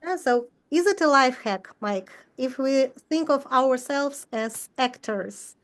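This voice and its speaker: A woman hosting an online English workshop who talks directly to her audience and asks brisk, pointed questions. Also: high voice, expressive. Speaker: workshop host.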